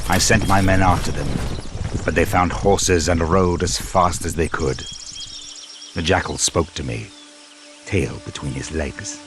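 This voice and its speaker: A very deep, slow-spoken villain lord, brooding over revenge in a dramatic game monologue. He is bitter and menacing, with loud music behind him. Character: vengeful, embittered villain lord returned from near death.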